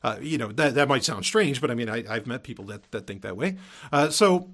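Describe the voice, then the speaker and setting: In an expressive, a bit bright mid-range voice, a man talks a little fast while hosting a podcast. His monologue is casual and unscripted, rambling and emphatic, with frequent repetition and casual swearing.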